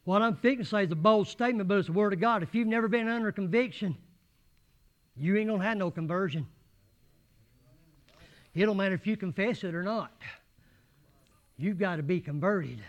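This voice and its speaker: A man preaching a sermon in church, folksy and rising to shouted fervor. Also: high voice, brisk, pauses often, muffled recording. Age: 80s.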